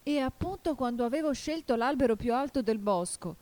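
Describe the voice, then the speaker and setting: A woman voicing a distraught male pigeon in a storybook reading, shrill, wailing and accusing. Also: big pitch swings, normal speed, dark tone, lightly acted. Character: frantic male pigeon guarding eggs, shrill and suspicious.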